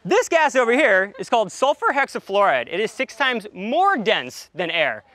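A young man presents a science demonstration outdoors. His voice is high and bright, with very lively swings as he excitedly questions the group. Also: normal speed. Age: young adult. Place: outdoors, lawn in a courtyard.

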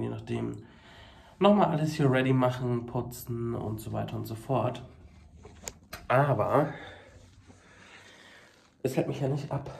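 Stuffy with a cold and coughing, a young man records a casual daily vlog in his small home kitchen and flat, holding his phone at arm's length. He talks haltingly, full of fillers, in a medium-pitched voice with vocal fry and a little hiss or hum.

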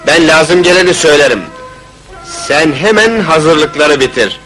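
An actor playing a haughty, bossy royal vizier who grumbles and gives orders in a fairy-tale film. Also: male voice, on the high side, expressive, a little slow, sharp tone. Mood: indignant. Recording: old film soundtrack with music behind.

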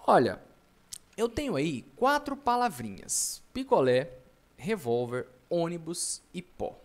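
Man, teacher, video lesson, chatty, playful, animated pitch. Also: slow. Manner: chatty, playful, talks straight to the viewer.

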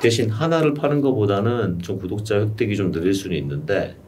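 A middle-aged man's fairly low, slightly mellow voice moves at a brisk pace as he steadily and patiently explains consulting advice to one client. He's a YouTube coach working in a small studio room. The audio is from a desk mic on a stand placed at a distance, with faint room noise.

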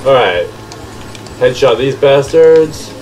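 A man's voice: mid-range voice, expressive, slow, a little mellow, a little hiss or hum, poor audio. A man with a stuffy, nasal voice from a cold, giving laid-back let's play commentary and swearing at the game. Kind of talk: casual gameplay commentary.

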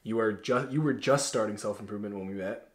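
A man in his twenties hosting a relaxed Q&A from a dim bedroom, joking around and giving blunt, direct advice. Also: lowish voice, fast talker. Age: 20s. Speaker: host. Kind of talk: casual Q&A chat.

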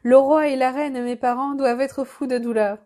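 Brief: noble, chastened young prince, read by a woman, formal storybook speech, high-pitched. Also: steady tone, moderate pace, a little mellow, lightly acted. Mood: earnest. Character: young male prince, humbled, earnest and noble.

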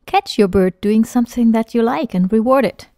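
A woman's voice: a little high, moderate pace, dark tone, dry recording, clean studio sound. A woman talking as a parrot trainer in a chatty, enthusiastic voice-over, with small fillers. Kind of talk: instructional voice-over narration.

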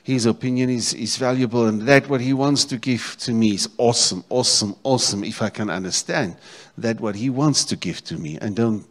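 A middle-aged South African pastor preaches a sermon from a church stage indoors, speaking into a handheld microphone. His mid-range voice moves briskly as he repeats key phrases and checks in with the congregation.

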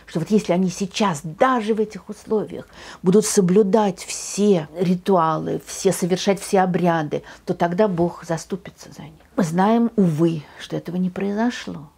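Low, gravelly woman telling history. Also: moderate pace. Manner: lively, emphatic storytelling with rhetorical questions. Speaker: history lecturer. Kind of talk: storytelling history lesson.

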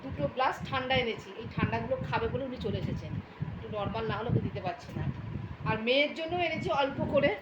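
A middle-aged woman talks in a high, lively voice, chatty and a little exasperated, as she vlogs from home. Her voice rings in a roomy space. Loud background noise runs under her words. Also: fast, dull audio. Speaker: vlogger. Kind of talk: casual home vlog chat. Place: home, indoors. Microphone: handheld phone camera.

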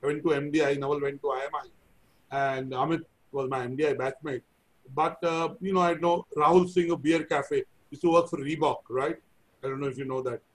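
Interview host: middle-aged man, Indian accent, high-set voice, conversational and anecdotal. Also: fairly even intonation, brisk, rough recording. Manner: chatty, anecdotal, self-deprecating. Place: indoor room, video call. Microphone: video call.

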